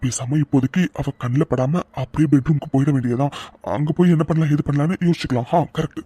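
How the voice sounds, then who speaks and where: A man's voice: fairly high pitch, fast talker, warm tone, a little hiss or hum, natural voice. A man voicing a nervous young husband muttering to himself in a cartoon. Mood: panicky. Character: nervous young husband fearing his angry wife. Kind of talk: cartoon voice acting.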